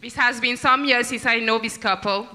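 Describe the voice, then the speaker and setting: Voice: medium pitch, steady tone, normal speed, bright, forceful tone. A church interpreter translating a sermon phrase by phrase, with occasional slips and restarts.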